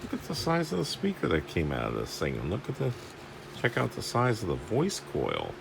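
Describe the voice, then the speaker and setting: Fairly quick and lowish, his voice carries vocal fry and huge pitch swings, with noise in the background. He's the host of a radio repair video, inspecting equipment and rambling through informal, salty commentary.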